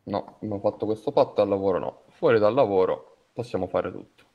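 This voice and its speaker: A man's voice: lowish voice, fairly quick, vocal fry, dull audio, pitched below the performer's own voice. A man speaking through a voice changer, playing a male gang drug courier in a roleplay game. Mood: businesslike. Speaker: roleplay character, drug dealer. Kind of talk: in-character roleplay chat.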